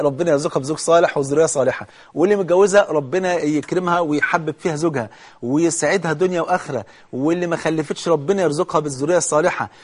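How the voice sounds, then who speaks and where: A man with an Egyptian Arabic accent giving a religious talk, reading out a long list of names and offering prayers, rising to fervent emphasis. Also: on the high side. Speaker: preacher.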